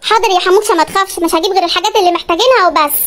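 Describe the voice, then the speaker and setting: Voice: very high-pitched, rapid-fire, fairly bright tone. A comic performer voicing an exasperated wife and mother with an Egyptian accent, complaining while shopping in a sketch. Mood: pleading. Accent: Egyptian Arabic. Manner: complaining, pleading, exclaiming. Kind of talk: comedy sketch dialogue.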